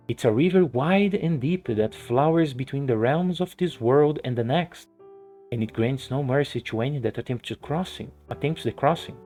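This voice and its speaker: A man doing a gruff, vulgar old grandmother. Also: mid-range voice, darkish tone. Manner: gruff, blunt scolding. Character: tough vulgar old grandmother, fierce but loving.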